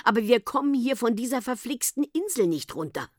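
A woman voicing a cheeky young girl in a storybook reading, quick and pert. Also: a little high, animated, dry recording, clean studio sound, pitched above the performer's own voice.

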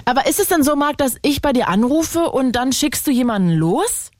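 A woman hosting a lively radio call-in guessing game, bubbly and quick to laugh as she sums up the clues. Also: high-pitched, no echo. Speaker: radio call-in show host.

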